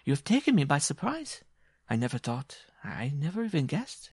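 A man's voice: fairly high pitch, big pitch swings, moderate pace, a little mellow, husky, no room sound, studio quality, pitched above the performer's own voice, heavily acted. A man voicing a robust, teasing female circus giantess in a story, with a mock-gracious manner. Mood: feigned surprise.

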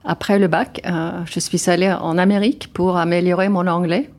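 Here an older woman from Sweden, interviewed as a guest, responds thoughtfully in Swedish-accented French, frequently hesitating, using fillers and starting over. She speaks in a lowish, darkish voice with a steady tone.

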